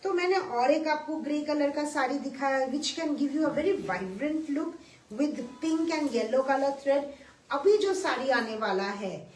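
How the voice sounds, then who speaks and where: Her voice sits high and expressive as she presents sarees on a live stream, slow-paced but full of enthusiasm. She switches between English and Hindi and repeats key points, while the off-mic sound picks up room echo and faint noise.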